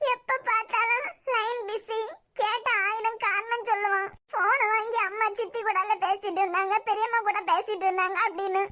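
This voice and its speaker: A woman's voice: very high voice, a bit bright. A woman voicing a heartbroken young woman in a cartoon series, crying and pleading, with a Kanyakumari Tamil accent. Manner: tearful, pleading.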